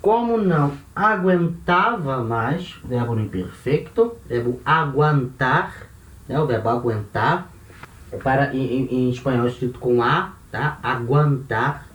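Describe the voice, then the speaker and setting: A man's voice: medium pitch, animated, measured pace, a bit bright. Brazilian guy teaching grammar, keeps checking in, patient, a bit far off in a roomy space. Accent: Brazilian Portuguese. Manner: patient, checks in often with tag questions. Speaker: language teacher. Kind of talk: explaining grammar.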